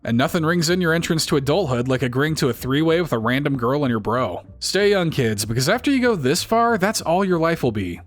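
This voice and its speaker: A man's voice: on the high side, animated, fairly quick, hardly any pauses, faint music behind. A man giving scripted comedic narration, full of wry, sarcastic asides.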